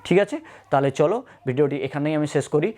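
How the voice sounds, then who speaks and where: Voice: medium pitch, dark tone. A teacher giving an online grammar lesson, asking questions and answering them, and often checking that the class follows. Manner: spells words out letter by letter, slowly.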